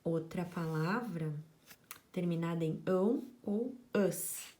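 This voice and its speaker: A woman teaching a grammar lesson in a low, mellow voice. She explains slowly and patiently and lingers on each example word so that it is clear. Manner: slow, explanatory, stresses example words. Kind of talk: classroom lesson on word stress.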